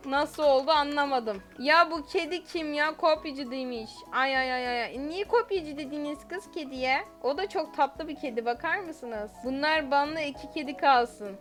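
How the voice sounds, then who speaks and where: Bright, high-pitched woman gaming streamer, excitable and full of exclamations. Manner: excitable, lots of exclamations and giggles. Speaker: gaming YouTuber. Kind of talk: gameplay commentary.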